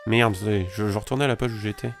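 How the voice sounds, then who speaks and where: Gravelly-voiced man in calm game commentary. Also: on the low side, very fast, faint music behind. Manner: reads messages aloud, musing and chatty. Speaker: let's play host.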